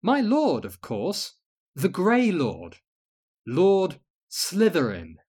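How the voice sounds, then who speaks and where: A man voicing a serene, dreamy witch who speaks slowly and calmly. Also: high voice, voice pushed up, full character voice. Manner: slow, soft-spoken, serene.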